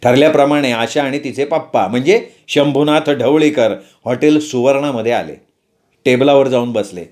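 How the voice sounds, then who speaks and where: A man's voice: mid-range voice, moderate pace, a little mellow. A man narrating a story, with playful asides to the listeners.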